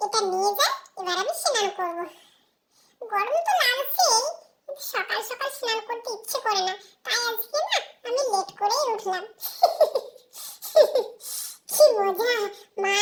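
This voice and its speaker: Woman playing a small cheeky boy, extremely high squeaky voice, babyish, giggly, faint background noise. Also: pushed and bright, full character voice. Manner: babyish, giggly, calling out and teasing. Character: small cheeky boy, playful, clingy with his mother. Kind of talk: playful home role-play.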